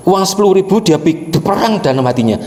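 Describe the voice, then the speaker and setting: A man's voice: sits high, animated, fast, darkish tone, reverberant. A male pastor telling a story in a sermon and often turning to address the congregation directly.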